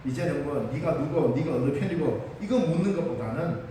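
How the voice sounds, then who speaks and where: A male pastor with a Gyeongsang Korean accent preaches a Sunday sermon in a church sanctuary, telling the story vividly and acting out the dialogue. His voice is a little high and warm, at a moderate pace. It's recorded from far off in an echoey hall, with slight background noise.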